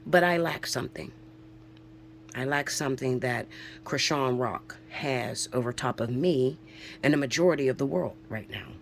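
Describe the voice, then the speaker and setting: A spiritual reader in her forties talks to viewers in a rumbling, low, creaky voice at a moderate pace, with faint music in the background. Casual yet emphatic and preachy, she swears freely and keeps checking in with "okay?".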